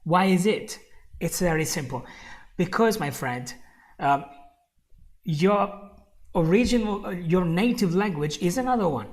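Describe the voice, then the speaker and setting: Here the young Italian teacher sounds high and expressive, speaking a little slowly with long pauses. A native Italian with a matching accent, he leads an encouraging live online English lesson, repeating phrases and speaking right to his audience.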